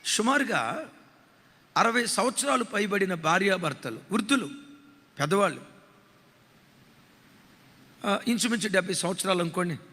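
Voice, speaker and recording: A man's voice: sits high, expressive, moderate pace, pauses often, pushed and bright, breathy edge, long reverb tail. A man preaching a sermon with emotional, dramatic storytelling, acting out the voices of the people in his story. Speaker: pastor.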